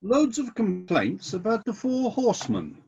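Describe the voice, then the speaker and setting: In a satirical radio play, an actor voices an exacting but fair-minded celestial boss, sounding concerned as he questions in a measured, politely insistent way. The medium-pitched voice swoops wildly and has a darkish tone, and the audio is dull with a little hiss or hum.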